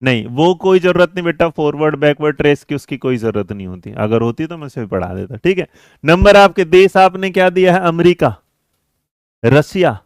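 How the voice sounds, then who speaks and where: A man's voice: a little high, lively intonation, no echo, clean studio sound. A man teaching a live online exam-prep class, quizzing students, coaxing them along and answering their chat messages. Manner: brisk, coaxing, calls students 'beta' and 'mere bachche'; reads and answers chat messages mid-lesson.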